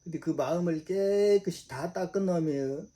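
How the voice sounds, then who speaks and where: A middle-aged man gives a religious sermon. His voice sits on the higher side but sounds very dark and mellow. He hammers his points home through repetition and frequent rhetorical questions. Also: normal speed. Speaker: preacher.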